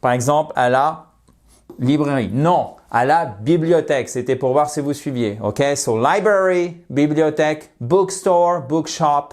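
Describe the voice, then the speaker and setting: Brief male language teacher for a video lesson, unhurried and careful, repeats examples. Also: a little high, darkish tone. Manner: slow, deliberate, repeats example sentences. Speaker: English teacher. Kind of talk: video lesson for French speakers.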